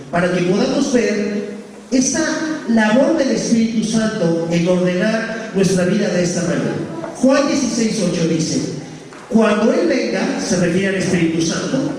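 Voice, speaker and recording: A male pastor preaches with emphasis to young people, his voice sitting high. He is heard from a distance, in a church hall with a long, booming echo. A faint ambience runs underneath. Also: darkish tone, slight background noise. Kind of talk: sermon to youth. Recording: echoey hall from far off.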